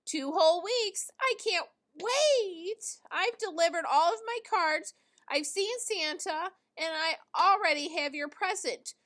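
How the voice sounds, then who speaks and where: A woman voicing an eager, impatient, childlike big male bird from a storybook, excitable and pleading. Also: very high-pitched, slow pace, pitched above the performer's own voice, full character voice.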